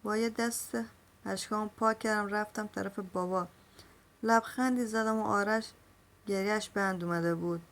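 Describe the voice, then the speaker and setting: A woman's voice: mid-range voice, steady tone. Woman reading a novel aloud. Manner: emotional storytelling, voicing the characters' lines in her own voice. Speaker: novel reader. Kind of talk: first-person novel reading.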